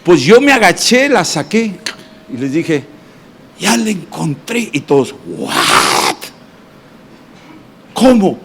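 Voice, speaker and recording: Pastor man telling testimony stories in a sermon, lively, acts out voices and sound effects. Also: high-pitched, unhurried, breathy edge. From Mexico. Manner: animated storytelling with sound effects and acted dialogue. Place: church congress hall.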